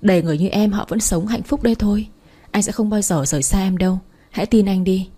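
A woman reading a story aloud, voicing a gentle, teasing young man who comforts his girlfriend, in a soft husky voice. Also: medium pitch, fast talker, close to an everyday voice. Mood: tender.

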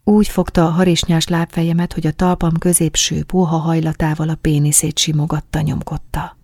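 A woman reading a first-person story aloud as an audiobook, in a calm, soft, intimate manner. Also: deep voice, breathy edge, no room sound, studio quality. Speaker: audiobook narrator. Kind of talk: first-person scripted narration of an erotic story.

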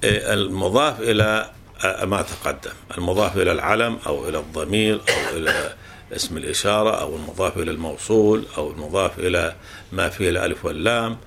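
A man's voice: low voice, fast, gravelly, fairly bright tone, slight background noise. A man teaching a grammar lesson, patiently explaining with examples and often restarting words.

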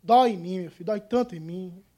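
A man's voice: sits high, fast, dark tone, dull audio, voice pushed down, close to an everyday voice. A man voicing a stern but loving mother who scolds her son through tears. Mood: tender.

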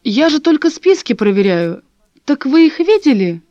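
A woman's voice: high voice, very animated, moderate pace, warm tone, no echo, pitched above the performer's own voice. A woman voicing an impatient young woman who keeps pressing with questions, on a dull, dry recording. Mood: insistent. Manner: probing, insistent.

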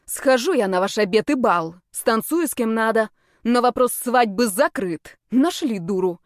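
A woman voicing a stubborn, hot-tempered young witch heroine who protests loudly. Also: medium pitch, expressive, a little slow, no echo, studio quality. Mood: indignant. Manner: exasperated, emphatic.

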